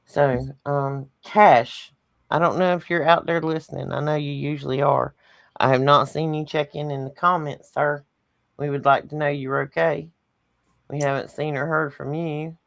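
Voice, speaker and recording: Southern woman co-host, gravelly and dry, folksy and down-home. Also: low voice, steady tone, moderate pace, dry recording. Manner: folksy, drawling, uses "ain't" and "y'all". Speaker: co-host of a live stream show. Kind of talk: casual live-stream chat.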